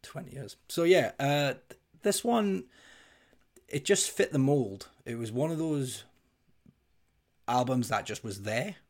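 Deep-voiced man in his thirties. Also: lively intonation, a little slow, pauses often. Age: 30s. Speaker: podcast co-host. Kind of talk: casual music podcast chat.

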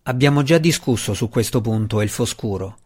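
A grumbling, sarcastic deep gnome guard acted by a man reading an audiobook. He growls his words and bristles easily, a stubborn and gruff little fellow of the underground. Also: moderate pace, a little mellow, lightly acted. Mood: growling.

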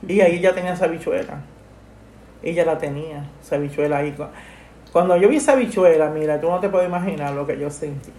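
A middle-aged woman, talking softly and haltingly about her late mother, full of grief. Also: deep voice, echoey room. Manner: grieving, soft and halting, with many restarts. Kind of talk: emotional personal conversation.

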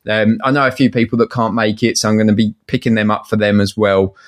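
A man's voice: fairly low pitch, steady tone, fast. A man with an Essex accent chatting casually and colloquially, telling anecdotes in a matey way. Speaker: guest, toy collector. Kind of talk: casual chat.

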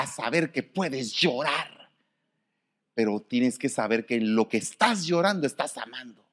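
A man preaching a sermon. His voice sits a little high and swoops widely in pitch. He drops to near-whispers, then bursts out loud. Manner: animated, swinging from soft to shouted.

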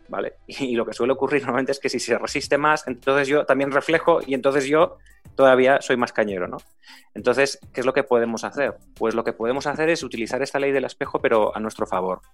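A middle-aged man talks through communication principles in a measured teaching voice. He asks his co-host questions along the way. Faint music plays behind him. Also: mid-range voice. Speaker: communication trainer. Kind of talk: explanatory talk.

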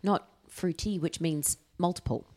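A woman's voice: on the low side, unhurried, a little mellow. A woman in her thirties co-hosting a casual wine-tasting chat, talking like a self-styled wine expert. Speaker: co-host.

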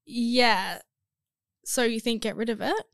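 A woman's voice: a little high, takes it slowly, gravelly, a bit bright, no echo, studio quality. A young woman, co-hosting a casual chat podcast and sounding congested from a cold. She chats and often trails off and restarts her sentences. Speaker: podcast co-host.

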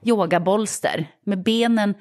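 A woman co-hosting a podcast in casual chat, telling stories lively while lying on a yoga mat on the floor. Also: mid-range voice. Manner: lively storyteller, quotes others. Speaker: podcast co-host.

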